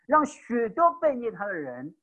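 A man preaching an evangelistic sermon with passion, swinging between loud emphatic peaks and hushed low phrases. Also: huge pitch swings, moderate pace, low-quality recording.

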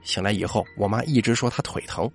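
A man hosting a late-night podcast, telling listener-submitted ghost stories and dropping his voice low for the eerie moments. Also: fast, breathy edge, faint music behind. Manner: lively storyteller voice, drops low for eerie moments. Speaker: podcast host.

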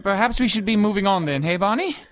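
A genteel gentleman adventurer, played by a man. His is polite and formal, and his pitch moves a lot. He sounds crisp and proper in an audio drama. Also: animated, quick pace.

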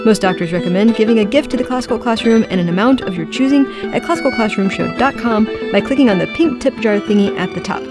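A woman announcer delivers a mock advert like a chipper 1950s commercial, with music playing behind her. She sounds playful and mock-earnest, and her pitch sits in the middle range for a woman. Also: quick pace, hardly any pauses. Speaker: podcast host.

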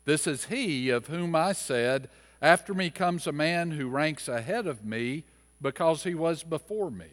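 A pastor with a high voice reads scripture aloud in a measured way, then grows more animated as he preaches a sermon explaining the passage. The long reverb of a church hall surrounds him.

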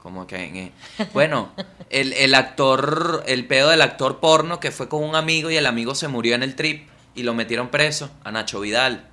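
Bright-voiced Venezuelan man joking. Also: medium pitch, normal speed. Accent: Venezuelan Spanish. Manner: crude, teasing, slangy. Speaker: podcast co-host. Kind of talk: casual joking chat.

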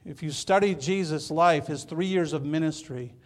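A man from Michigan, speaking at normal speed in a slightly high voice, preaches a sermon as pastor. He chats casually, jokes with listeners, and tends to repeat words as he starts a phrase.

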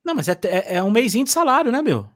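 A man's voice: very high voice, sing-song, fairly bright tone, no room sound, studio quality. A man hosting a football podcast panel, directing who speaks next in a casual chat. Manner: quick, directs the turns. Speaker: podcast host.

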